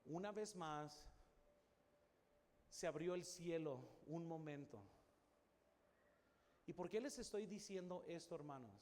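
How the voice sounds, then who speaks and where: A middle-aged man preaching a sermon, telling a personal story and dropping to a soft voice for quoted prayers. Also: fairly high pitch, takes it slowly, pauses often. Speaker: pastor. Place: large church hall. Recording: long church reverb, faint room noise.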